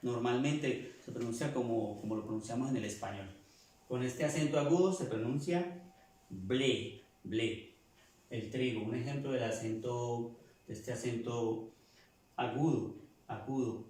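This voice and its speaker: A man teaching a language lesson, repeating words slowly to drill their pronunciation. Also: medium pitch, warm tone, distant mic. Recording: echoey room, voice from off-mic.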